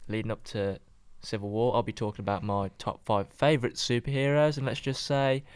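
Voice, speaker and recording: A man co-hosting a casual podcast, speaking in a relaxed way with short replies. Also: medium pitch, brisk, smooth, no echo. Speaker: podcast co-host. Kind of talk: casual chat.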